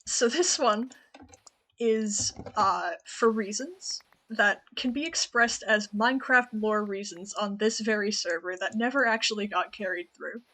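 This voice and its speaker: A woman's voice: medium pitch, measured pace, bright, forceful tone. A woman streamer talking casually to her chat while playing a game, chatty and rambling, often laughing.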